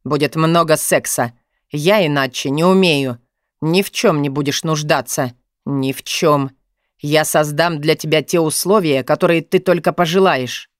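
A woman's voice: sits low, unhurried, no echo, studio quality, voice pushed down. A woman reading an audiobook, voicing a domineering wealthy man who growls, mocks and presses hard. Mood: harsh.

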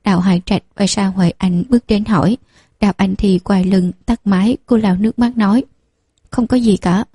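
A woman hosting an audiobook channel, reading a romance novel aloud in a steady, gentle way. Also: medium pitch, brisk, slightly rough, no echo, studio quality. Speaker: audiobook narrator and channel host. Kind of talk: scripted narration of a romance novel.

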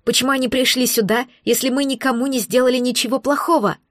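A woman's voice: high-pitched, steady tone, quick pace, a bit bright, no echo, studio quality. A woman voicing a young male dragon who hisses through tears, stubborn and angry, in an audiobook. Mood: tearful, angry. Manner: sobbing, hissing, stubborn. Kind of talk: audiobook character voice.

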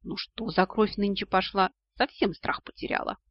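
Male audiobook reader, high husky voice, ironic delivery, dull dry recording. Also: fairly even intonation, normal speed, dry recording. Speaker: audiobook narrator. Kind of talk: scripted narration of a novel.

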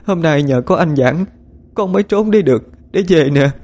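A man's voice: on the high side, expressive, moderate pace, a little mellow, reverberant, in a large hall, pitched above the performer's own voice, natural voice. A man voicing a frightened little village girl in a spoken ghost story, crying and stammering as she pleads. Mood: sobbing, pleading. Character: terrified crying little village girl, possessed by a drowned child.

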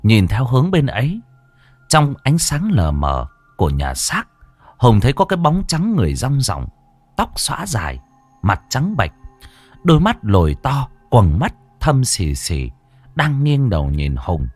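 A man narrating a ghost story in a dramatic, expressive way. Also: medium pitch, measured pace, faint music behind.

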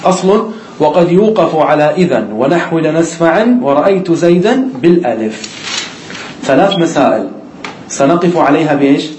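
A man's voice: a little high, lively intonation, moderate pace, a little mellow, reverberant, a little hiss or hum, poor audio. A man teaching an Arabic grammar class, who explains step by step, asks the students questions and repeats the key words.

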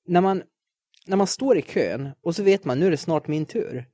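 Podcast host, man, late 20s, from Sweden: slightly high voice, dry close sound, nervy self-mocking rambler who stammers and repeats words. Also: expressive, mellow, no echo. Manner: jittery, self-described neurotic. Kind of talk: casual solo podcast monologue.

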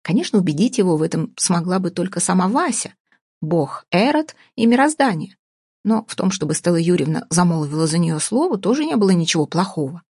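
Husky woman narrating a novel. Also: lowish voice, very animated, brisk, a little mellow, dry recording, studio quality. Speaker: audiobook narrator.

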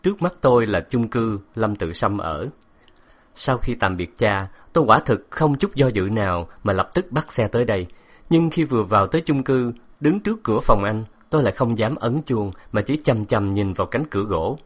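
A man reading an audiobook novel aloud in a measured, introspective scripted narration. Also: on the low side, expressive, slightly rough. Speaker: audiobook reader.

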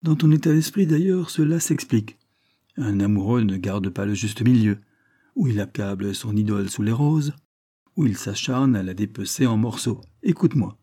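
A man's voice: on the low side, moderate pace, close to an everyday voice. A man reading aloud and voicing a phlegmatic Irish man who answers his friend coolly and lectures him. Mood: coolly firm. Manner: calm, dry and lecturing.

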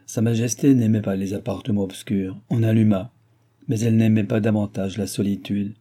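Guy reading an audiobook, low husky voice, steady and calm. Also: moderate pace. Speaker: audiobook narrator. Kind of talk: scripted narration.

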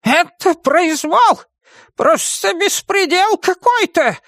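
A woman's voice: high voice, animated, unhurried, a bit bright, dry recording, clean studio sound, voice pushed up. A woman voicing a furious, scolding old witch in an audiobook, shrieking and drawing out her angry words. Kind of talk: audiobook character voice.

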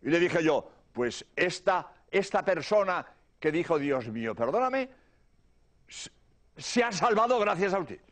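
An older man from Spain gives a religious talk as a priest, his voice pitched high and swinging widely up and down. He speaks earnestly, circling back over the same phrases, and sinks to a hushed murmur for short prayers. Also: animated, unhurried. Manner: earnest, repetitive, whispers prayers softly.

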